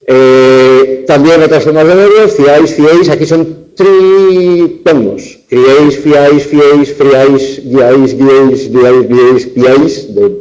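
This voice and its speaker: A man's voice: medium pitch, fairly even intonation, a little slow, hardly any pauses, a little mellow, dull audio. A man teaching a university lecture on spelling and accent marks, stretching out example words syllable by syllable. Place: classroom, lecture streamed online.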